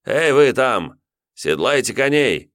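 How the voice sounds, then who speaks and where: A man's voice: medium pitch, very animated, takes it slowly, a bit bright, no echo, clean studio sound, pitched above the performer's own voice. A man voicing a stern, cunning middle-aged military governor who barks curt orders. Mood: commanding.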